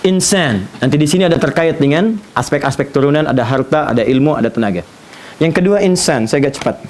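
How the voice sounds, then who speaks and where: A man preaching an animated sermon lecture, using playful asides for the audience. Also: fairly high pitch, fast. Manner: animated, playful imitations of foreign speakers. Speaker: Islamic preacher. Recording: faint hiss.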